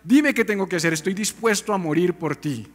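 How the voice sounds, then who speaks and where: A male pastor preaching a sermon in an animated, conversational way, full of rhetorical questions. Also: high-pitched, fairly quick, slightly rough, faint music behind.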